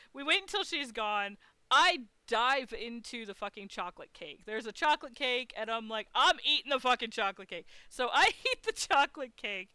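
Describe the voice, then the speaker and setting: Bright, clear-voiced woman telling a story. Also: on the high side, no room sound. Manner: animated and profane, with frequent swearing. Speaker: artist streaming live. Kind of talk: casual storytelling on a livestream.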